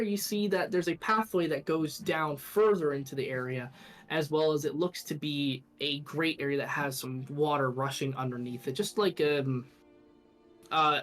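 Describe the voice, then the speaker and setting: A man running a tabletop game as game master, describing scenes in a relaxed way with fillers. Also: a little high.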